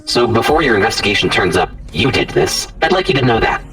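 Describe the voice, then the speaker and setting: Man doing a deep formal robot investigator. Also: very animated, fairly bright tone, distant mic, faint music behind. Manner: formal, measured speech.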